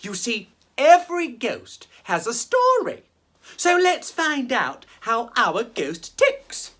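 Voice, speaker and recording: Taking it slowly, this children's storyteller and host speaks in a fairly high, slightly bright voice whose pitch swoops wildly. She performs dramatic, playful rhyming tales aimed straight at the kids listening.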